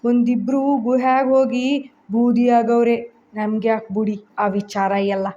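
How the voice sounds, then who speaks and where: A woman's voice: fairly high pitch, steady tone, unhurried, warm tone, lo-fi sound, close to an everyday voice. A woman voicing a fearless young forest woman who speaks in a rustic village dialect. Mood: wary.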